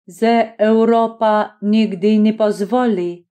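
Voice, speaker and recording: Woman doing a pompous Polish gentleman. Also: mid-range voice, fairly even intonation, clear, resonant tone, natural voice. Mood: solemn. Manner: slow, solemn, formal.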